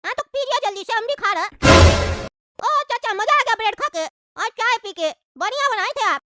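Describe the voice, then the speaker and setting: Woman playing a high, cheeky cartoon lad. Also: lively intonation, normal speed, music in the background. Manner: argumentative, demanding, suspicious. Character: cheeky fussy young male lad.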